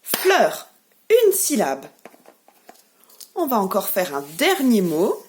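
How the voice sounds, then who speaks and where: A woman with a French accent, a preschool teacher giving a remote lesson to young children, speaking gently and articulating each word clearly as she leads them through clapping syllables. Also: mid-range voice, huge pitch swings, slow, a little hiss or hum.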